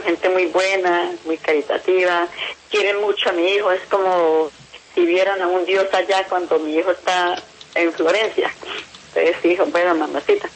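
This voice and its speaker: A woman's voice: fairly low pitch, slight background noise, poor audio. A middle-aged Colombian woman giving emotional testimony about her family, pleading and repeating herself. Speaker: interviewee, mother of a kidnapped son.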